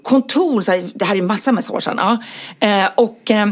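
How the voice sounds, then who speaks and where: A woman telling a comic, self-mocking story in casual chat, lively and full of fillers. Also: medium pitch. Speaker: podcast co-host telling stories.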